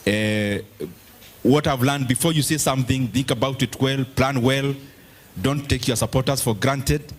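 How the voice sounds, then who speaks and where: A middle-aged Kenyan-accented politician answers audience questions at a public forum, speaking emphatically and slipping Swahili phrases into his English. His voice is mid-range, with a little hiss or hum in the audio.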